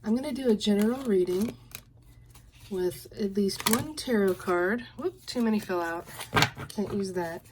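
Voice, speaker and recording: A woman giving a general card reading, explaining each card in a slow, gentle, explanatory way. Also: mid-range voice, expressive, noisy background. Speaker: card reader. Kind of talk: relaxed card-reading video.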